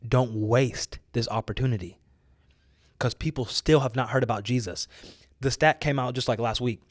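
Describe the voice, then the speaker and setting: At normal speed and with fairly even intonation, an American man preaches in a mid-range voice, recorded at studio quality without echo. The informal motivational talk is emphatic and urging, built on repeated phrases and casual youthful slang.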